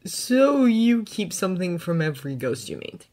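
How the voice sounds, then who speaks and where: A reserved teenage boy asks things quietly, as a woman voices him. His delivery is low-key and restrained, part of a storybook reading. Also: sing-song, normal speed.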